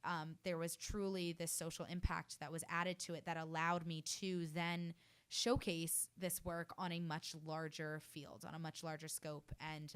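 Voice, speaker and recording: A woman's voice: on the low side, smooth. A young woman in her early twenties from New Jersey, a fashion student telling her story in a radio interview, earnest and effusive with many fillers. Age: early 20s. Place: radio studio.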